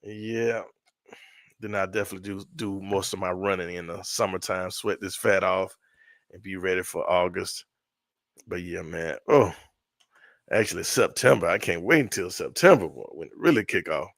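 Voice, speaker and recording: A middle-aged man hosting a casual live sports stream, excitable and repetitive, often trailing off mid-sentence. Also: low voice, normal speed, gravelly, dry recording, studio quality. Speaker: sports show host.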